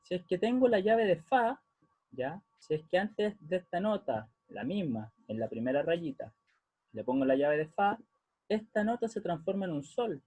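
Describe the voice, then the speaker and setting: A man's voice: sits high, big pitch swings, normal speed, dark tone, no room sound. A man explaining music theory patiently in a lesson, often checking that the listeners follow. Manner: patient, checks understanding with frequent "¿ya?". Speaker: music teacher.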